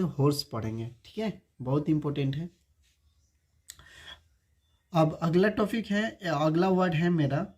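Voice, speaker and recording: With a fairly high, husky voice and a dark tone, a male teacher gives a spoken-English lesson online. He spells words slowly, letter by letter, and repeatedly throws rhetorical questions at viewers.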